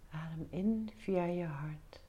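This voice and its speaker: A woman guiding a meditation in a soft, breathy near-whisper, soothing, giving short instructions with pauses. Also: fairly low pitch, muffled recording. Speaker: meditation guide. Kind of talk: guided meditation.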